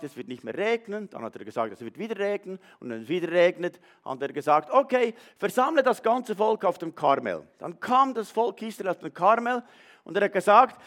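A man preaching a sermon, retelling a story with animation and speaking straight to the congregation. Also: sits high. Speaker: pastor.

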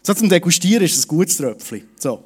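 A middle-aged man preaching a sermon in a lively, direct way, speaking to each listener personally. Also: high voice, fast, husky. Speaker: pastor.

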